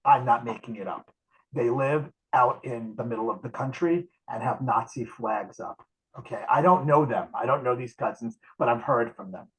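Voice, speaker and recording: A man's voice: medium pitch, normal speed, fairly bright tone, poor audio. A man speaking as a nurse educator in a conversational talk on a video call. He tells stories with frequent restarts and acts out dialogue.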